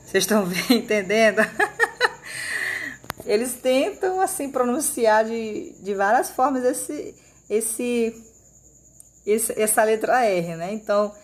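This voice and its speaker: A woman's voice: on the high side, lively intonation, takes it slowly, long pauses. A woman teacher from Maranhão with a northeastern Brazilian accent, giving a lesson to children and checking in often to see that they follow. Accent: Maranhão Brazilian Portuguese.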